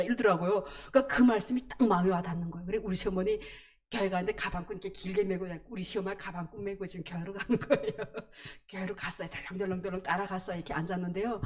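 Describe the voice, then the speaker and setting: Woman sharing her church testimony, lively storyteller, mid-pitched voice. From North Korea. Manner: animated storytelling with sound words.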